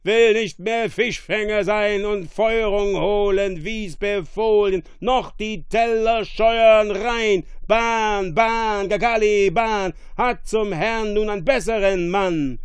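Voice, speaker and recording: A brutish drunken monster, voiced by a male reader, bellowing and fawning in a high, strained, loud voice. He grovels and roars by turns, a storybook creature in a close, dry recording. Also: measured pace, smooth, dry recording. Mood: bawling song.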